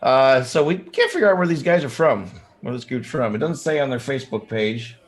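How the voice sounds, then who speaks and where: A man's voice: mid-range voice, expressive, fairly quick. Chatty male co-host of a live show. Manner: loose, chatty, joking. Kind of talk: casual live show chat.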